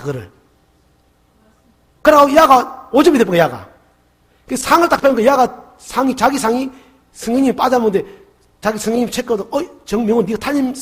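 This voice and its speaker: A middle-aged man with a Gyeongsang accent, preaching a Sunday sermon in church and telling a story with lively questions to the congregation. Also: high voice, slightly rough. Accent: Gyeongsang dialect. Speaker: pastor. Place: church sanctuary.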